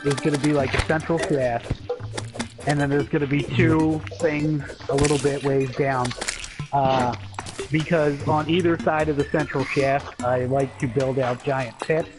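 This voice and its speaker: A man co-hosting a casual let's-play chat, explaining things at length in a halting way with lots of fillers and the odd swear. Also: on the high side, low-quality recording. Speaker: co-host of a gaming channel. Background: game music.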